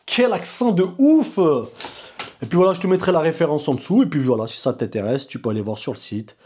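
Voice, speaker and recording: A man's voice: mid-range voice, animated, rapid-fire, dark tone, slight background noise. A man casually reviewing camera gear in a vlog, chatty and informal, talking straight to the viewer. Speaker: video maker reviewing gear.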